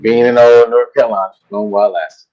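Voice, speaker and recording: A man in casual sports-show chat, laid-back and agreeable, quick to back others up. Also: mid-range voice, fairly even intonation, dark tone. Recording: dull lo-fi mic.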